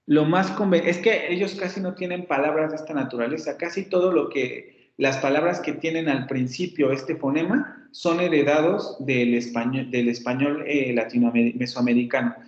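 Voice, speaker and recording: A man's voice: a little high, steady tone, moderate pace, few pauses. A male university teacher with a Mexican Spanish accent, explaining phonetics in a classroom lecture, repeating example words and correcting himself. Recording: roomy, dull lo-fi classroom recording.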